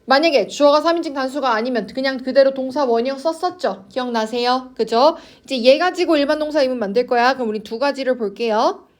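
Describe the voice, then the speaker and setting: Casting note: high-pitched woman as an English teacher, coaxing, keeps asking the class if they follow. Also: a little fast. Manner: coaxing, checks in constantly with students. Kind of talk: online class lecture to students.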